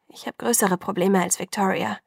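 A woman voicing an anxious, emotional teenage girl in an audiobook, her lines pitched higher and pressing. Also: fairly even intonation, moderate pace, vocal fry, husky, no echo, studio quality. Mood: defensive. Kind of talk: audiobook reading.

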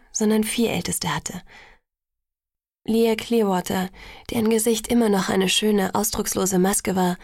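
Brief: female audiobook narrator, soft even read, gravelly, dry close recording. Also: medium pitch, no room sound.

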